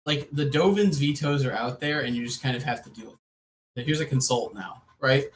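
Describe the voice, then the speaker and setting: A man co-hosting a podcast, giving casual, joking commentary on a card game with lots of "like" and drawn-out asides. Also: medium pitch, a little hiss or hum, rough recording.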